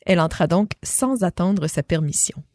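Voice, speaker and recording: Expressive woman reading a children's story. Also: fairly low pitch, moderate pace, no echo. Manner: warm, expressive, addresses the child listener.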